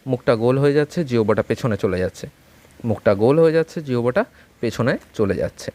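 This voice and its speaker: A man teaching an online phonetics lesson from home with a Bengali accent, speaking slowly and patiently and repeating vowel sounds for learners to copy. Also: medium pitch, expressive, warm tone. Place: home during a storm.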